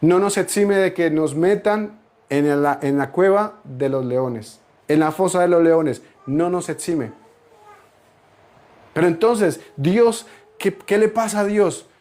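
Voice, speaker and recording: Speaking slowly in a fairly high voice with a darkish tone, this pastor hammers on repeated phrases. His sermon climbs again and again toward emphatic high points.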